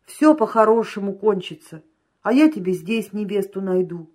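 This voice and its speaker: A woman's voice: medium pitch, expressive, normal speed, darkish tone, close to an everyday voice. A woman reading an audiobook, voicing an easygoing male friend who coaxes and reassures. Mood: soothing. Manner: coaxing, reassuring.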